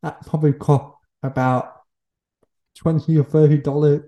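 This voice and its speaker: A man hosting a casual podcast interview in halting, fragmented phrases. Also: a little high, little pitch movement, dark tone. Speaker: podcast host.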